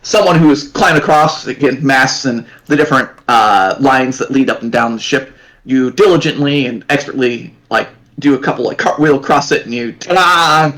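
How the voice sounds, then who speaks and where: A man's voice: medium pitch, a bit bright, poor audio. A man narrating as dungeon master, rambling and restarting his sentences. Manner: rambling, halting, many restarts. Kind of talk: narrating a tabletop game.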